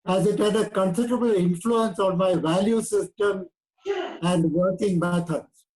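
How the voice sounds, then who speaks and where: Older Indian English speaker, 80s, fairly high voice, steady lecturing delivery. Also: male voice, low-quality recording. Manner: measured, lecturing. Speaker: guest speaker. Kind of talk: prepared talk.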